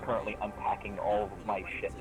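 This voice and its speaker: A tinny, muffled male voice squeezed through a cheap Bluetooth speaker on a phone call. He talks a touch low and rambles with halting restarts. Music plays faintly behind him. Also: monotone. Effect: tinny, muffled sound through a cheap Bluetooth speaker. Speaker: stream guest. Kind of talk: casual chat. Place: room at home, moving around. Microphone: cell phone over Discord via Bluetooth speaker.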